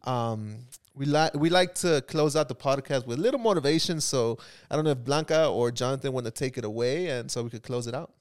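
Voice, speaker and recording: A man's voice: medium pitch, a little fast, few pauses, clear, resonant tone. A man hosting a podcast, laid-back and chatty, with casual slang. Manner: laid-back, says "bro", laughs often. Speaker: podcast host. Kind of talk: casual chat.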